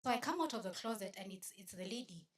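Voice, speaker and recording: A Kenyan woman speaks quickly at a conference venue, giving a storytelling talk to a live audience with a medium-pitched, lively delivery. She moves between English and Swahili and teases the crowd.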